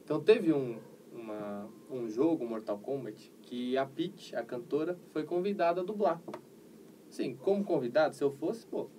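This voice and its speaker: Mellow-voiced Brazilian interviewer. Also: mid-range voice, animated, normal speed. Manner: agreeable, frequent tag questions. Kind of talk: casual interview chat. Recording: distant mic, faint background noise.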